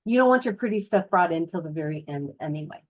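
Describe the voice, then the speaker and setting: A woman's voice: fairly low pitch, expressive, fast talker. A woman giving a casual, informal house tour as a builder's representative, explaining features in a chatty way. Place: voice-over talking over a tour video.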